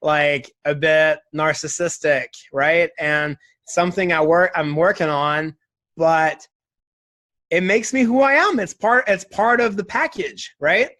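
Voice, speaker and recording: A man in his twenties speaks as a guest in a relaxed interview, in a voice that sits a little high. He is candid and reflective, and he talks loosely, leaning on "like" and "right?" as he thinks aloud. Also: unhurried. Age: 20s. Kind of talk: casual interview conversation.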